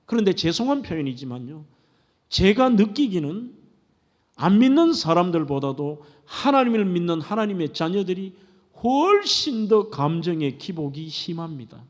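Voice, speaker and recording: High, lively-voiced man preaching a sermon. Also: moderate pace. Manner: earnest, asks the congregation rhetorical questions. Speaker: pastor. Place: church sanctuary. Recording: long church-hall reverb.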